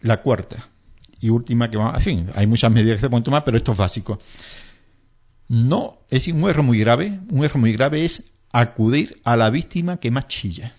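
A man's voice: mid-range voice, normal speed, darkish tone. A man talking through emergency procedures in an interview. He speaks emphatically and repeats key steps for weight, sometimes slipping into the voices of panicked bystanders. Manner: emphatic, repetitive, acts out panicked bystanders in quotes. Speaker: first aid instructor. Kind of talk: explanatory interview talk.

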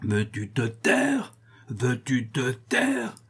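A man's voice: medium pitch, huge pitch swings, extremely slow, fairly bright tone, breathy edge, full character voice. A man voicing a cruel, brutal master in a storybook reading, barking harsh commands. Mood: menacing.

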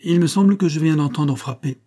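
A man reading the part of a bossy, talkative male mill foreman in an audiobook, husky and dark-toned. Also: a little high, a little fast, voice pushed up, natural voice. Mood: officious.

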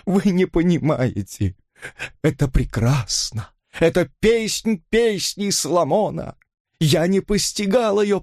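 A tearful, pompous preacher, as a male narrator puts him on, pleading in a high, trembling declamation. The voice swoops wildly through its range. The recording is close and dry. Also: no echo, full character voice.

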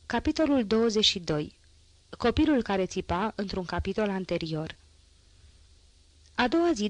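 A woman narrating a classic novel as an audiobook, in a measured literary reading. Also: medium pitch, no room sound. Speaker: audiobook reader.

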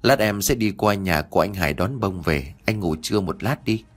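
A devoted, tearful young wife speaks in an audio story, as a male narrator voices her. She sounds anxious and pleading, in a low voice that moves widely in pitch. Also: expressive, moderate pace. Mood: tender.

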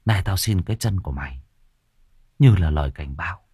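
A man's voice: low-pitched, lively intonation, a little fast, mellow, breathy edge, no echo, studio quality, pitched below the performer's own voice, full character voice. A man playing an injured young man who recounts a frightening encounter in a choked-up voice. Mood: shaken. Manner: choked, earnest storytelling.

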